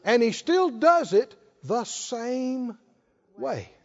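A man's voice: very high voice, big pitch swings, extremely slow, darkish tone, highs cut off. A male pastor preaching a sermon, emphatic, prompting the congregation with short questions.

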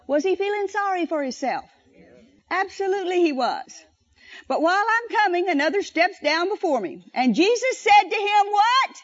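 A woman preaches in a high voice, drawing the congregation into call-and-response and slowing down to stress each verse. The recording is dull and lo-fi. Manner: animated, slows down to stress scripture and leads the crowd in repeating lines.

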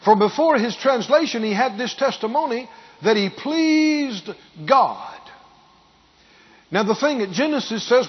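A pastor preaching a sermon, repeating key phrases for emphasis and building to loud bursts. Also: male voice, extremely high pitch, husky, dull audio.

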